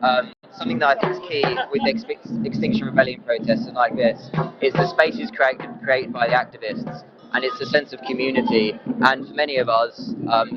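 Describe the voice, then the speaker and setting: A man with an Essex accent speaking earnestly and hesitantly as an activist in a casual live interview. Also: medium pitch. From Essex, England. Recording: muffled audio under loud music.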